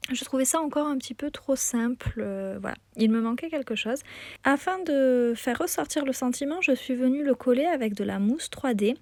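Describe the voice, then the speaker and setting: High-voiced French-speaking woman, chatty, hesitant. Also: animated, normal speed, darkish tone, no echo. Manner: hesitant, frequent "euh" fillers; chatty, enthusiastic. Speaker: craft video host. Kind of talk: casual tutorial voice-over.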